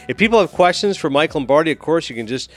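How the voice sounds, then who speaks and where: Fast-talking upbeat podcast co-host man. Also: fairly high pitch, animated, faint music behind. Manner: quick, upbeat, reads listener mail. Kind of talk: casual sports talk.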